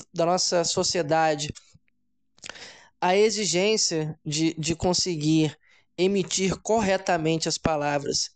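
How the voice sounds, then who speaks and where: A man hosts an explanatory talk on psychology. He speaks in a measured, deliberate way and drags out the words he wants to stress. He often tags his points with a quick "né?". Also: sits high. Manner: measured, deliberate, often adds "né?" and slows for emphasis. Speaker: host.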